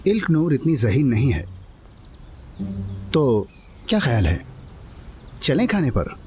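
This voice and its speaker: A smooth, flirtatious charmer. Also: male voice, medium pitch, big pitch swings, takes it slowly, a little mellow, slight background noise. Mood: teasing. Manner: smooth, teasing. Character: smooth flirtatious man, self-assured.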